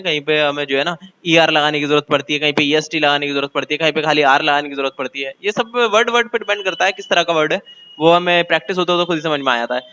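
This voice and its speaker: A man with an Indian accent teaching English grammar in Hindi, explaining step by step, asking the class questions and reading English rules out slowly. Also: on the high side, bright, forceful tone, clear, resonant tone, lo-fi sound.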